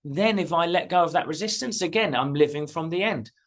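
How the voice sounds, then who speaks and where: Earnest middle-aged guy doing a spiritual coaching talk to camera, a bit higher voice. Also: brisk. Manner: earnest, emphatic, repeats phrases. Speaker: spiritual coach and channel host. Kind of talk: casual direct-to-camera talk.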